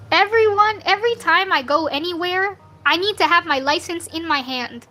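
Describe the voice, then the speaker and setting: With a very high voice that comes across pushed and bright at normal speed, a 19-year-old woman who sounds younger than she is chats while drawing fan art live. Her livestream talk is casual, slangy, rambling and self-deprecating.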